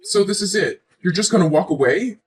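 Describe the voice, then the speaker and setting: Her voice is lowish, expressive and a touch fast, close to how she'd normally talk, with soft music in the background. The twenties-aged woman performs a scripted relationship scene as a young woman who has just found out she's pregnant, emotional, hurt and reproachful.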